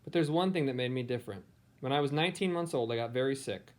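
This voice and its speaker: A teacher with an American accent and a medium-pitched, slightly mellow voice talks fast as he informally introduces and reads a picture book aloud.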